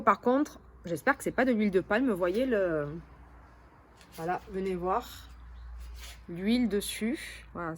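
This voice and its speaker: A woman with a Marseille accent chatting casually to camera as a vlogger, hesitant and often correcting herself. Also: mid-range voice. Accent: Marseille French. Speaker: vlogger reviewing bargain hauls.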